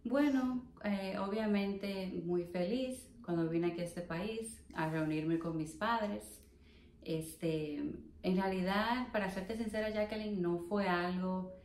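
A young Dominican woman from the Dominican Republic, a guest sharing her story in a casual interview, soft-spoken and hesitant. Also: low voice, reverberant, slight background noise. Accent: Dominican Spanish. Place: living room on a sofa, indoors.

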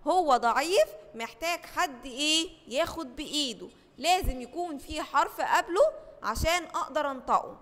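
High-voiced Egyptian woman teacher, echoey. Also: sharp tone. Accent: Egyptian Arabic. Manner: asks questions and answers them herself, stretching out model words slowly. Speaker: primary school teacher. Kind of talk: recorded lesson for first graders.

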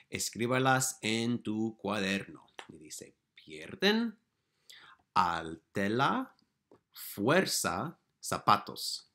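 A man's voice: medium pitch, a bit bright. A man teacher who switches between Spanish and English as he patiently walks young pupils through their weekly lessons. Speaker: elementary school teacher. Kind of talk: remote class walkthrough for young pupils.

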